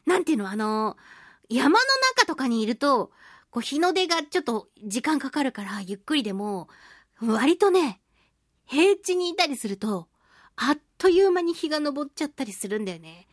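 Reading out listener letters and replying to them, a woman hosts a chatty solo radio show, giggly and exclamatory, full of expressive interjections. She is a voice actress with a high voice and a normal pace. The recording is clean studio sound, free of room sound.

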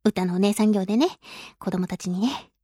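A woman's voice: medium pitch, normal speed, mellow, husky, no echo, clean studio sound. A woman hosting a casual radio show who chats playfully, laughs often and acts out the voices she quotes. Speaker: radio show host and children's singer. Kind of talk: casual radio chat reading listener mail themes.

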